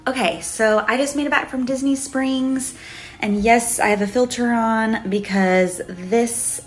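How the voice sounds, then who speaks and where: A woman hosting a travel vlog, talking in a chatty way to her viewers. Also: a little high. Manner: chatty, addresses viewers as guys. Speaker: vlogger host. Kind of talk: casual vlog talk and scripted voice-over.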